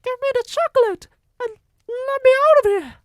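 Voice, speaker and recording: A man voicing a spoiled, greedy boy in an audiobook, shouting rudely in a shrill voice. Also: a little slow, dry recording, studio quality, exaggerated voice. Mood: demanding. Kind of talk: audiobook reading.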